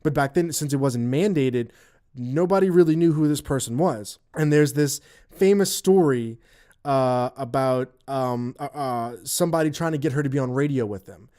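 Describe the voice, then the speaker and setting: A man of middle pitch chats on a casual podcast. He rambles through his stories, restarts his sentences and stacks up fillers as he goes. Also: moderate pace, dark tone. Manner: rambling, many restarts and fillers, laughs while telling stories. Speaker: podcast co-host.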